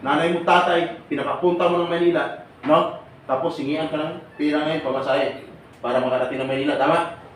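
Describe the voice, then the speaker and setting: A man's voice: fairly high pitch, steady tone, brisk. Earnest man lecturing in an echoey hall. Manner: earnest, rhetorical, keeps asking "no?" and "tama?". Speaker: OFW assistance advocate. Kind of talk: seminar talk to an audience. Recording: echoey room with faint background noise.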